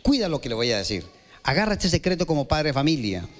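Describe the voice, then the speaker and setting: A Colombian man preaches a sermon to his congregation, his fairly high voice leaping up and down as he throws questions at his listeners. The sound carries a long reverb from the church hall. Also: sing-song, fast talker. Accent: Colombian Spanish. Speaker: pastor.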